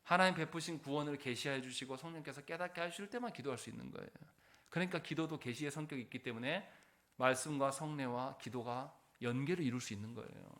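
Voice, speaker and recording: A man's voice: mid-range voice, quick pace, fairly bright tone. A man preaching a Sunday sermon in church as pastor. He keeps putting rhetorical questions to the congregation and answers them himself, pressing points with shifting force. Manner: emphatic, rising and falling in force.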